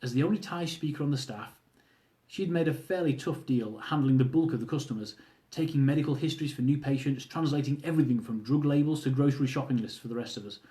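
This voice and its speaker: Reading from his own funny travel memoir like an audiobook, a man speaks at a quick pace in a warm, medium-pitched voice. His storytelling is wry, with asides directed at his listeners.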